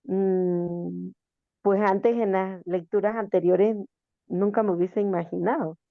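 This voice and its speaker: Hesitant woman in a book club, gravelly low voice, dry phone-like audio. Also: fairly even intonation, slow, no room sound. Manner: hesitant, tentative, with short laughs. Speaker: reading club member. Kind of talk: casual book club discussion over a call.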